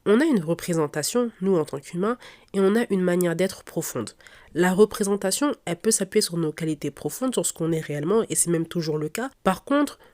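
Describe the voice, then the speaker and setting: A woman's voice: on the low side, expressive, fairly quick, darkish tone. A young woman hosting a podcast with a blocked nose and a cold, giving direct, informal advice straight to the listener. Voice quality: congested, blocked-nose nasal voice. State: sick with a cold and sore throat. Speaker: podcast host. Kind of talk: casual advice monologue to listeners. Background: faint background music.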